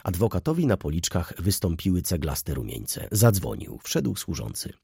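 A man narrating a classic novel as an audiobook in a measured, expressive reading. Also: low-pitched, gravelly, slightly rough, no room sound, studio quality. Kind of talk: scripted literary narration.

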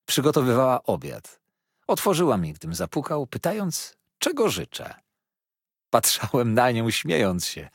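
A man narrating a classic novel in the first person with dramatic swells and pauses. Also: medium pitch, wildly swooping pitch, slightly rough, no echo, clean studio sound. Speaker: audiobook narrator. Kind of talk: expressive literary audiobook narration.

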